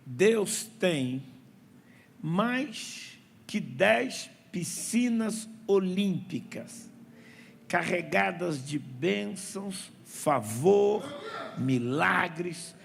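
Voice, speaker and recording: A man's voice: sits high, very slow, gravelly. A man preaching a sermon as pastor, telling stories and calling for responses from the congregation. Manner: animated storytelling with call-and-response. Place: church. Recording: echoey hall with faint noise.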